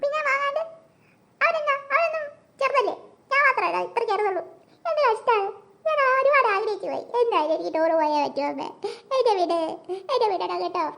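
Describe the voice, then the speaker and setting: A woman's voice: very high-pitched, animated, fairly quick, pauses often, pushed and bright, full character voice. A woman voicing a young cartoon schoolgirl who pleads and whines to her parents. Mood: whiny pleading. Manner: pleading, whining. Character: young schoolgirl, the younger daughter, eager and whiny.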